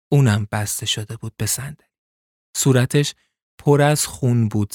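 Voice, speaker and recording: A male storyteller narrates a crime thriller in a colloquial, suspenseful manner. His voice sits at a middle pitch, and the recording is close and dry with no room sound. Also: no room sound.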